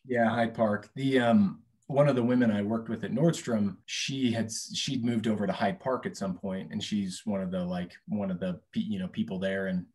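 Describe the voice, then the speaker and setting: A man in his thirties telling a casual anecdote on a video call, halting and reworking his phrases as he goes. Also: on the low side, steady tone, darkish tone. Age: 30s. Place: indoor room on a video call.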